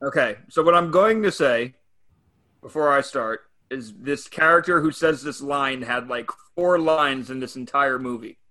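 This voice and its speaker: A man's voice: medium pitch, pushed and bright. A man in a casual movie quote game, often stammering and restarting his sentences. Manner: halting, repeats words. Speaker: quiz game player. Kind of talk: casual chat.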